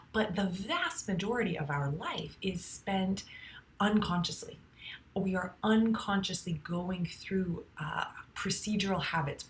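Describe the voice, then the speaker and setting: A woman in her thirties talks through a therapy idea in a relaxed, teaching way and makes playful little sounds to help it stick. Her voice sits a bit low but is bright and clear. The room around her rings with echo. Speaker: psychotherapist and podcast host. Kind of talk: casual explanatory monologue.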